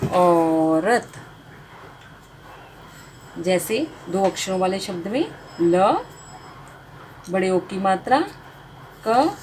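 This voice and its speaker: A woman teaches beginners in an unhurried, very slow voice, building words one sound at a time. Her pitch sits in a middle range, and she draws out each completed word. A faint hiss of noise lies behind her. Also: darkish tone, rough recording. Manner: slow, drawn-out spelling, stretching each finished word. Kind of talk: slow Hindi spelling lesson for beginners.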